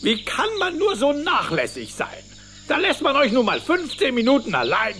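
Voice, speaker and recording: High-pitched, blustering old duck uncle. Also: male voice, huge pitch swings, moderate pace, background noise, heavily acted. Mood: exasperated, commanding. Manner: blustering, commanding. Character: bossy, excitable old rich uncle duck. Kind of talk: German children's audio drama acting.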